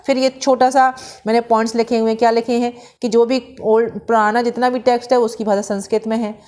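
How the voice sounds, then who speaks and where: A woman teaching a Sanskrit grammar lesson from handwritten notes. She explains slowly, mixes English terms into her Hindi, asks questions and answers them herself, and draws out vowel sounds when she demonstrates them. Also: fairly high pitch, flat delivery, a little mellow.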